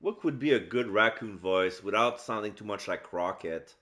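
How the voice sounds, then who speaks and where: A man doing casual let's play narration, describing game scenes aloud in a halting way. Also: fairly low pitch, expressive, bright, forceful tone. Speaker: game streamer and voice-over player.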